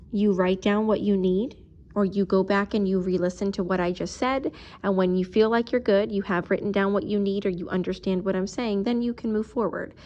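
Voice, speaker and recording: A woman's voice: mid-range voice, a little mellow, dull audio. A woman teacher recording a math video lesson, talking patiently and explaining each step while she writes.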